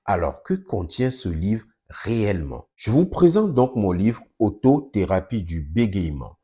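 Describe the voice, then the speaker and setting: A man with a low, mellow voice lays things out for the viewer. He speaks as a speech therapist presenting his work in a video, steady and earnest, with a slightly husky edge. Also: measured pace.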